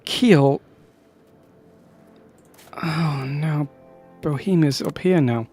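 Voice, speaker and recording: A man's voice: fairly high pitch, drawn-out words, darkish tone, soft background music. A man casually commenting on his own strategy game, rambling and breaking off into chatty asides.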